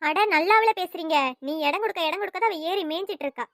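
A taunting, nagging cartoon mother-in-law, put on by a woman, pitched very high and bright. She scolds without pause, every line a jab. The sound is dry and close. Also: no echo. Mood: scolding. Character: scolding middle-aged mother-in-law, sharp-tongued. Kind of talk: cartoon voice acting.

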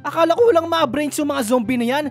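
A woman's voice: sits high, quick pace. A woman giving playful gaming commentary, joking and giggling as she talks to the characters on screen. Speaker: gaming YouTuber.

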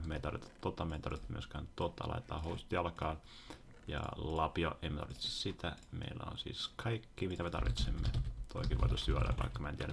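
A young man giving excitable, casual commentary over his own gameplay, sometimes yelping when startled. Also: extremely low pitch, gravelly, a little hiss or hum. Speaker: gaming video host.

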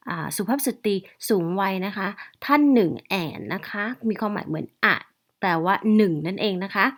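A woman English teacher who reads a short story aloud slowly, then explains it in polite, chatty Thai. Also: medium pitch. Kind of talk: reading aloud and explaining a lesson.

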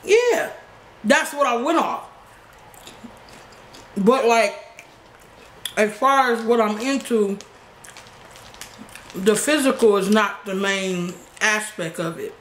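Animated yet slow, with frequent pauses, a young adult YouTuber host talks in a mid-range, slightly bright voice. He answers questions bluntly and chattily with slang, in a small indoor living room that sounds roomy and noisy.

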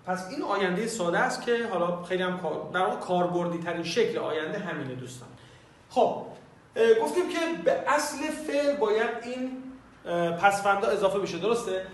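A man teaching a recorded language lesson, friendly with viewers and repeating each word slowly for pronunciation practice. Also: sits high. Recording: very echoey, distant mic.

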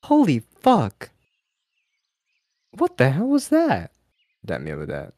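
A man chatting casually while playing a game, excitable and quick to swear and yell. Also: a little high, no room sound. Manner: excitable, swearing, sudden yelling outbursts. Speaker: gamer. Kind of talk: casual gameplay chat.

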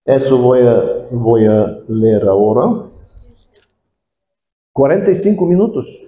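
A man preaching a sermon as an evangelist in a learned language, halting, with many pauses and restarts. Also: mid-range voice, sing-song, echoey room, dull audio.

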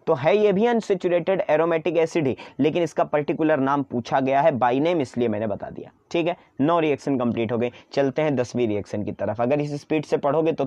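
A man's voice: on the high side, darkish tone, no echo, muffled recording. A man teaching an online chemistry lesson in mix, chatty and coaxing, often repeating his own questions to students.

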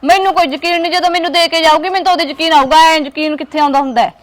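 A woman's voice: extremely high pitch, steady tone. A woman playing a suspicious village woman who complains that she is owed money. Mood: complaining. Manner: quick-tongued, complaining, distrustful. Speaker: aggrieved village woman in a comedy sketch. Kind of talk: comic village drama.

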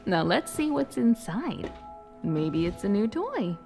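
A woman voicing a doting, cheerful mother in a video game, with gentle sing-song baby talk. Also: medium pitch, big pitch swings, takes it slowly, vocal fry, faint music behind, exaggerated voice.

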